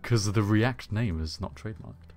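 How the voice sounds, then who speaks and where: A man's voice: lowish voice, a little mellow. A British man hosting a live game stream, chatting casually and joking around. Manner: jokey, quick to laugh. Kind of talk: casual live-stream chat while playing.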